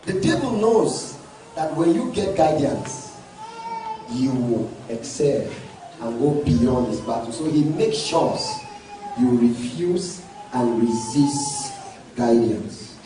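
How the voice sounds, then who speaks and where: A male pastor preaching a sermon, often rising to shouted emphasis. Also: medium pitch, animated, slow. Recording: echoey hall from far off, faint noise.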